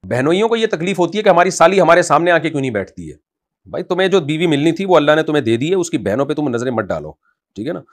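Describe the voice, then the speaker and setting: A man, an Islamic scholar, answering a question in an impassioned advice talk, emphatic and scolding at times. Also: lively intonation. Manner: emphatic, rises loud to scold, then drops low and quiet.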